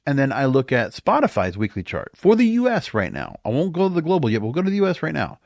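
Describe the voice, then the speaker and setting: Gravelly and darkish, this mid-range male voice races along with huge pitch swings, and there's no echo. He hosts a podcast of off-the-cuff music chart commentary, reading out figures and thinking aloud.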